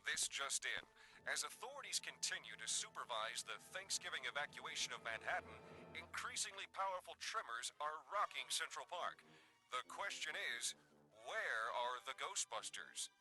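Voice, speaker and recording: A formal TV news anchor reads a bulletin in a video game cutscene. His voice is extremely bright and cutting, with a lively pitch. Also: moderate pace, soft background music, exaggerated voice, low-quality recording. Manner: newsreader delivery.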